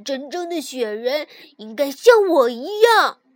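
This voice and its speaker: A woman voicing a loud, excitable little frog boy. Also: high-pitched, measured pace, no echo, clean studio sound. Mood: indignant. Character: lively young male frog, loud and quick to shout.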